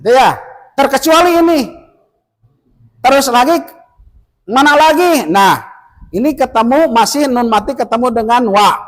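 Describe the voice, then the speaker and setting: High-voiced man teaching Quran recitation. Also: expressive, fairly bright tone, rough recording. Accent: Indonesian. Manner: patient and instructive, chants verses slowly to demonstrate. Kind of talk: teaching tajwid to a study group. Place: village study gathering indoors.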